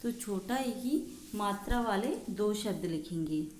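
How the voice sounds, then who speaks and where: A woman teacher takes a young class through a lesson at a slow, careful pace. She spells words out piece by piece and repeats every answer. The room is echoey, with a faint hiss of noise underneath. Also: medium pitch, lively intonation, darkish tone. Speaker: school teacher. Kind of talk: recorded Hindi class lesson for young children.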